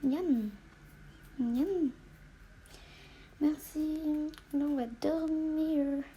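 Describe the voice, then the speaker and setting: A woman's voice: sits high, extremely slow, warm tone, a little hiss or hum. A woman vlogging casually while playing with dolls, chatting to viewers and often dropping into whispers. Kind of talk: casual doll-play vlog.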